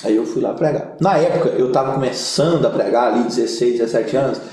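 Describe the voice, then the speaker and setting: With a medium-pitched voice, a quick pace, and a bit of hiss or hum on the recording, the young Brazilian pastor tells comic stories. The casual interview takes place in an echoey room, and he acts out each person's voice.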